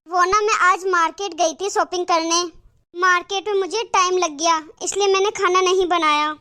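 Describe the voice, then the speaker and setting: A woman's voice: extremely high pitch, steady tone, normal speed, pushed and bright. A woman voicing a spoiled, defiant young daughter-in-law in a cartoon, talking in a sulky, complaining way. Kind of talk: cartoon voice acting.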